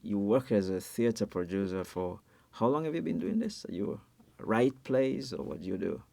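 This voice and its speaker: A man hosting an online panel interview, enthusiastic, with quick interjections. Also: on the low side, big pitch swings, creaky, warm tone. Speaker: host. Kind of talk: interview chat.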